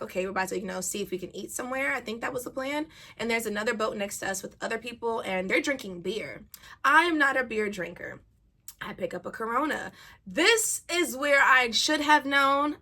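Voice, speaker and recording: Bright, chatty young woman telling a story. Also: on the high side. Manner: animated, chatty, laughs while telling. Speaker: vlogger. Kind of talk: casual storytelling to camera.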